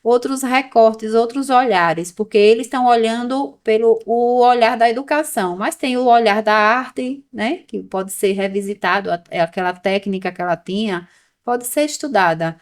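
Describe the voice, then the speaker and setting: A woman's voice: fairly high pitch, normal speed. A woman, the museum's director, explaining her collection in a thoughtful way during a casual podcast conversation and often adding "né?" at the end of a point. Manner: thoughtful, explanatory, with frequent "né?" tags.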